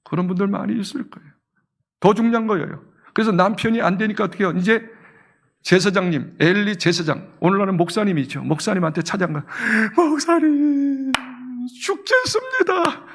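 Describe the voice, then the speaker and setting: A man's voice: high-pitched, quick pace, creaky. A male senior pastor delivering an emotional sermon in a church sanctuary. He acts out the people in his story with rising, tearful cries and keeps asking the congregation questions. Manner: asks the congregation rhetorical questions.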